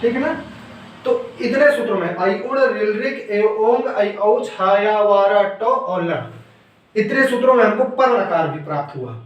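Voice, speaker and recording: Expressive and measured, a high-voiced man explains grammar step by step, asking questions he then answers and repeating key terms. The dull audio comes from an echoey room, with his voice distant from the mic over faint noise.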